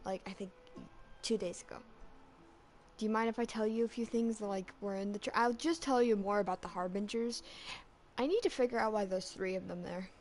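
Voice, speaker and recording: A woman chatting casually as a fan vlogger, rambling and excitable with lots of restarts, her voice cracking slightly from being sick. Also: mid-range voice, brisk, slight background noise. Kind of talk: casual chat.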